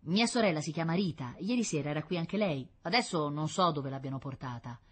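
A woman's voice: fairly quick, husky. A woman voicing a bold, eager young boy in a storybook reading. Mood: earnest. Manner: eager, lively, high-pitched.

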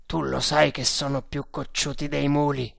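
A man voicing a brooding army captain who speaks in low, measured, commanding tones. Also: little pitch movement, creaky, a bit bright, dry recording, clean studio sound.

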